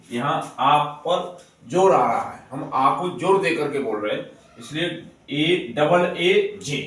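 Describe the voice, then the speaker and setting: A man explains a spelling rule to children, going over each point again. His voice sits a little high and moves slowly. The sound is distant and very echoey, as if recorded from across a bare room. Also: a bit bright. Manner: slow, patient, repeats explanations. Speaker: teacher.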